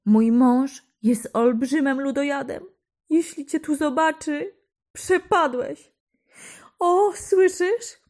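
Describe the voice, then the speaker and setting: The fearful wife of a giant in a children's fairy tale, voiced by a woman narrator. She speaks high, tense and hurried, warning in loud, anxious bursts. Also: gravelly, husky, exaggerated voice. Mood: frightened. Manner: urgent, anxious, high-pitched.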